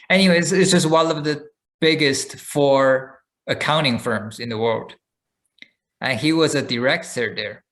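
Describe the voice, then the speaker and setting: A podcast co-host chats casually, his medium-pitched voice a little bright. He tells a long story, often stumbling into fillers and starting sentences over.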